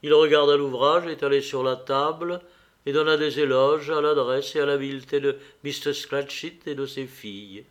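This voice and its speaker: A man narrating a classic story as an audiobook in a measured, expressive way. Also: mid-range voice.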